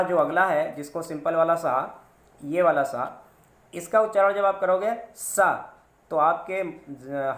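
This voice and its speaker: A man with a fairly high voice teaches a grammar lesson in an echoey room. He explains patiently and repeats each sound and term with stress so students can copy it. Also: fairly bright tone. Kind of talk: classroom-style grammar lesson.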